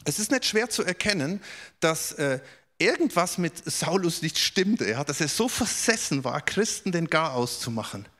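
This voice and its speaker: Preaching at a moderate pace, this man speaks on the high side and is very animated, earnest and direct. He hammers points home by repeating words and drops to a soft voice for quoted questions.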